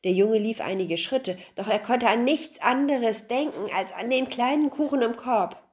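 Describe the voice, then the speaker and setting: A woman narrating a fairy tale in an expressive storybook reading. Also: fairly high pitch, normal speed.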